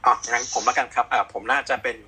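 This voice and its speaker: A man's voice: medium pitch, little pitch movement, quick pace, pushed and bright, husky, rough recording. A man doctor from Thailand on an online panel, speaking step by step with many fillers.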